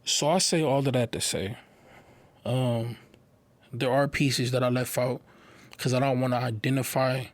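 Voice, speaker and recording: With a steady, mid-range voice, a young man gives his testimony in front of a live audience, faltering and repeating words but clearly earnest. There's no reverb on the recording.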